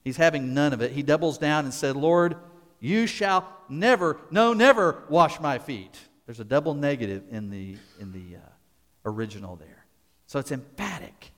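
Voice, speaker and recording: A man preaching a sermon as a pastor, deliberate and emphatic, repeating key words and pausing for effect. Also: mid-range voice, long reverb tail.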